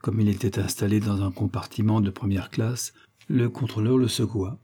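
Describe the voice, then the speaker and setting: A man narrating a detective novel aloud in a measured storytelling manner. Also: lowish voice, steady tone, dark tone, husky. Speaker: audiobook narrator. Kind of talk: scripted narration.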